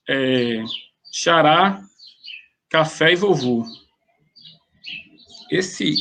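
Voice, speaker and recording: A man's voice: on the high side, vocal fry, a bit bright. A man teaching an online grammar lesson, explaining in a plain way and often restarting his sentences.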